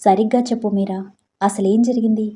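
A woman's voice: mid-range voice, steady tone, brisk, warm tone, breathy edge, close to an everyday voice. A woman voicing a worried, loving middle-aged father who asks anxious, tender questions.

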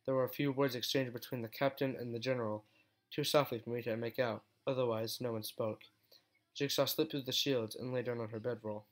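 A man reading a fan story aloud as steady first-person narration, with occasional slips. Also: medium pitch, fairly quick. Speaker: fan fiction reader.

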